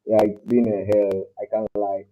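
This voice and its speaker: A man's voice: fairly low pitch, flat delivery, dark tone, soft background music. A young man from Africa talking earnestly on a remote panel through a headset mic, his audio fuzzy with clipping distortion. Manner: earnest, halting, repeats his words. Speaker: panel guest. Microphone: headset mic on a call.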